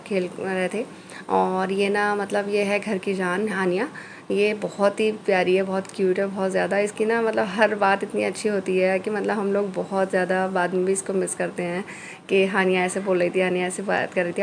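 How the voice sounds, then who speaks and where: A woman in her thirties narrating a family vlog in a chatty, easygoing way, with frequent fillers and pauses. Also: mid-range voice, a little hiss or hum. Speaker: family vlogger. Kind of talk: casual voice-over narration.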